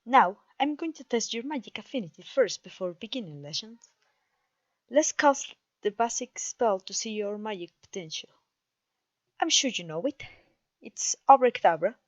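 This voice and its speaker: A voice actor with a Mexican accent and a fairly high, animated voice plays a clumsy, cheerful witch teacher in an ASMR roleplay, offering theatrical, genteel encouragement. Her pace is normal and the mood welcoming and instructive. The recording has no room sound and its highs are cut off.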